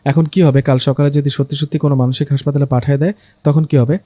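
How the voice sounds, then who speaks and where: A man's voice: a little high, little pitch movement, fast talker, mellow, dry recording, lightly acted. A man voicing a worried young woman in a storybook reading, in a fretful way.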